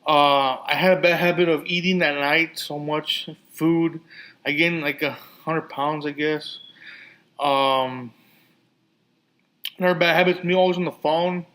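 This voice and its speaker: A man's voice: a little high, fairly even intonation, measured pace, fairly bright tone, rough recording. A man with a somewhat raised voice and a lisp, hosting a casual solo podcast. His words slur a little as he rambles, circling back on himself with frequent restarts and fillers. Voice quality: lisp and slurred speech. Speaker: podcast host.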